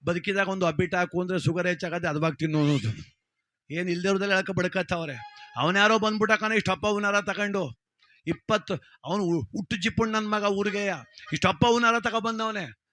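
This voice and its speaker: High, bright-voiced man telling folk tales. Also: a little fast, no echo, studio quality. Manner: lively, rustic colloquial storytelling with dialect words. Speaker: storyteller. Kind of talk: motivational folk storytelling.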